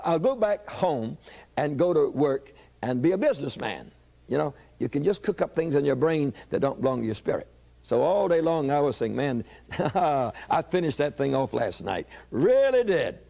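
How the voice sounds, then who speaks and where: A man's voice: fairly high pitch, darkish tone. An older man preacher telling his life story in a sermon, folksy, with stammering restarts and chuckling asides.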